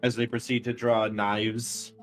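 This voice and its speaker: A man acts as game master for a tabletop game. His voice sits at a middle pitch as he narrates. Soft plucked-string music plays behind him. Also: little pitch movement, a little slow, low-quality recording.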